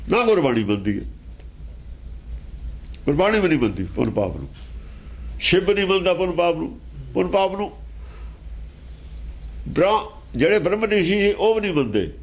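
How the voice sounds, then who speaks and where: A man teaching scripture in an emphatic, argumentative way, asking pointed rhetorical questions. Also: sits high. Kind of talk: explaining scripture verse by verse.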